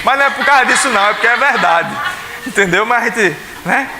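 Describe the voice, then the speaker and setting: With an extremely high pitch, lively intonation and a quick pace, a pastor with a Pernambuco Brazilian Portuguese accent preaches in a church sanctuary. Conversational and full of rhetorical questions, he acts out quoted voices, captured in an echoey hall with faint hiss.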